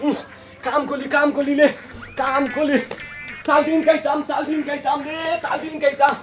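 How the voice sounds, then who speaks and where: A man acting as a whiny man-child, Sylheti accent, piercing high voice, sobbing demands, comedic village drama. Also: level tone, normal speed, over music. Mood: wailing. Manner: wailing, pleading, sobbing demands. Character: whiny childish grown son craving treats.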